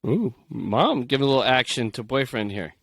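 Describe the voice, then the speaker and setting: A man's voice: medium pitch, sing-song, moderate pace, creaky. A man co-hosting a podcast in casual, jokey chat, reading stories aloud and slipping into playful voices. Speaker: podcast co-host.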